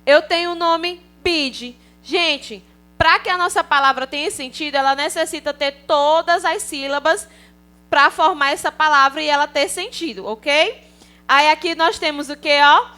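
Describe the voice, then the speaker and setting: In a recorded online class, a Brazilian primary school teacher cheerfully coaxes young children and often checks in on them. She has a Brazilian Portuguese accent and a high-pitched, pushed, bright voice at a moderate pace.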